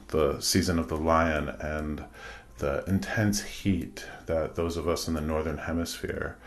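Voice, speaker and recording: A deep-voiced man guides a meditation, offering soothing instructions in measured, deliberate phrases broken up by pauses.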